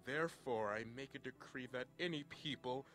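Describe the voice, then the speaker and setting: A man's voice: mid-range voice, normal speed, a bit bright, faint music behind, pitched above the performer's own voice, close to an everyday voice. A man playing a proud, hot-tempered king in a dramatic scripture audio reading, declaiming imperiously and stretching words for emphasis. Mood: solemn decree. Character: proud, furious, booming king of Babylon, given to decrees.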